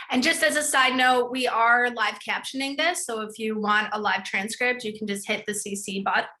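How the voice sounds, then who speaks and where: Upbeat bright-voiced woman hosting. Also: fairly high pitch. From northern suburbs of Chicago. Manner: upbeat, chatty, with fillers. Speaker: student programs director hosting a panel. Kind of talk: online open house presentation.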